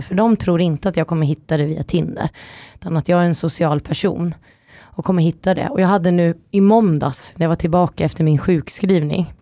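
Lively storytelling woman, low voice. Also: no echo, clean studio sound. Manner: lively storytelling, acts out quotes. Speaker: guest. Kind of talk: casual chat.

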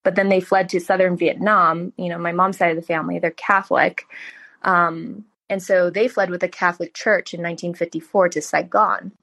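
Her voice is on the low side yet fairly bright, gravelly, steady in tone, and moderate in pace. She's a thirtysomething startup founder from California, a native Mandarin Chinese speaker, telling her life story as a guest on a conversational interview podcast.

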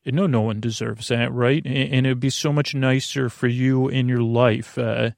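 A podcast host with a creaky, medium-pitched voice and fairly even intonation delivers a rambling bedtime monologue. He's meandering, repetitive and halting, drifting onto tangents, recorded in clean studio sound with no room echo.

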